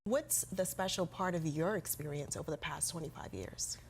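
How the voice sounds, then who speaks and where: A woman's voice: sits low, moderate pace, a little hiss or hum. A woman news anchor presenting scripted television news.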